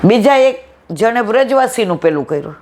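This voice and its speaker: This satsang speaker is a woman with a fairly high, darkish voice and lively intonation, talking fairly quickly. She tells devotional stories conversationally and acts out what people say. Slight background noise can be heard.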